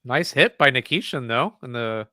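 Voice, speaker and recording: A man's voice: medium pitch, lively intonation, moderate pace, pushed and bright. A man co-hosting a casual hockey watch-party podcast, trading upbeat banter. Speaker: podcast co-host.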